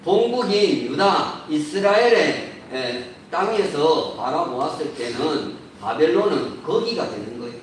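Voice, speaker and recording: A man preaching a sermon as a pastor, measured and building to emphatic points, recorded in a church sanctuary. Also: on the high side, very animated, a little hiss or hum. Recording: roomy echo, distant mic.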